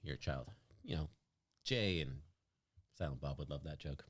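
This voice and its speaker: A man's voice: rumbling low, animated, normal speed, husky. A man co-hosting a casual podcast chat, telling stories animatedly and swearing casually. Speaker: podcast co-host.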